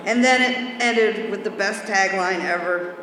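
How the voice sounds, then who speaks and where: A woman's voice: mid-range voice, measured pace, a crowd in the background. A woman emceeing a roast, teasing the roasters as she introduces them. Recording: very echoey hall with audience.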